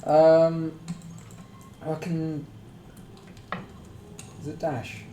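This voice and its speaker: A man's voice: on the high side, level tone, very slow, dark tone, dull audio. A man playing a tabletop game, speaking informally and hesitantly as he decides his move. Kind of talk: casual game-table chat. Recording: echoey room with clear background noise.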